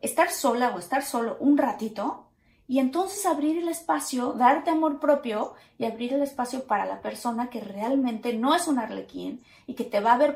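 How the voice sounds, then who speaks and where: A woman's voice: on the high side, darkish tone. A woman chatting casually and giving relationship advice in an emphatic way. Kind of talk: casual chat. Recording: roomy echo.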